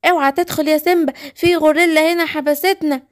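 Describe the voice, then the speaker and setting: A woman's voice: sits high, fairly even intonation, quick pace, no echo, studio quality, pitched above the performer's own voice, natural voice. A woman with an Egyptian accent voicing a playful young female animal friend.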